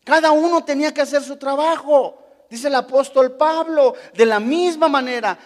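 A man's voice: very high-pitched, moderate pace, in a large hall. A man preaching a sermon, firing rhetorical questions at the congregation and acting out short scenes in character voices.

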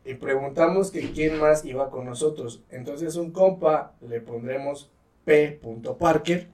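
A man's voice: on the high side, a little slow, darkish tone, roomy sound, far from the mic, a little hiss or hum. A man co-hosting a podcast, telling a work story in crude, teasing, swearing casual chat. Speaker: podcast co-host.

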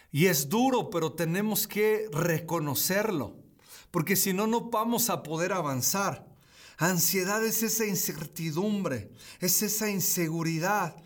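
A man in his thirties preaching a streamed sermon, stressing his points by saying key phrases again. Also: fairly high pitch. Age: 30s. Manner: emphatic, repeats key phrases.

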